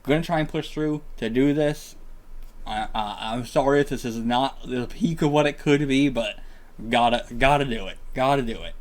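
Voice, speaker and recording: A man's voice: mid-range voice, normal speed, darkish tone. A man hosting a reaction video, chatting casually and swearing, talking as if his mouth is numb and barely moving his upper lip. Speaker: host of a reaction channel. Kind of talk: casual chat to viewers.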